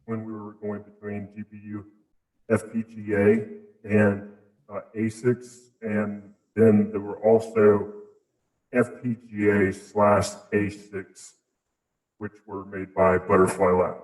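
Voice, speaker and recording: Guy w a voice scrambler on, lowish voice, kinda halting, stops and restarts a lot, echoey room. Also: flat delivery, darkish tone. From Southeast United States. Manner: hesitant, halting, many restarts. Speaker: guest, mining operator. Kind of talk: casual interview.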